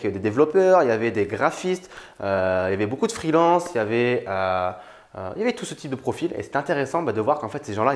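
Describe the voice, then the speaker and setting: A young man from France talks straight to his viewers in a quick, loose, familiar way. He rattles along at a brisk clip, dropping fillers as he goes, and his voice sits at an ordinary middle pitch. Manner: chatty and informal, addresses viewer familiarly, many fillers. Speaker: YouTuber on money and online business. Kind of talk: casual direct-to-camera talk.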